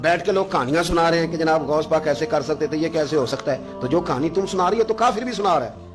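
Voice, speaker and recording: A male preacher tells stories in an impassioned Islamic sermon. His voice is fairly high and rises to strong, emphatic peaks. Music plays clearly underneath. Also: fast talker.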